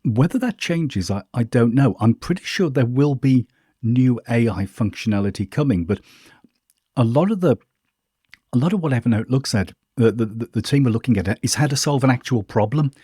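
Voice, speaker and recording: Man, host, husky voice, dry close sound, casual walkthrough. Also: mid-range voice, animated, moderate pace, dark tone, no echo. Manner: chatty, informal, thinks aloud. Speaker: host answering viewer questions. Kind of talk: casual screen-share walkthrough.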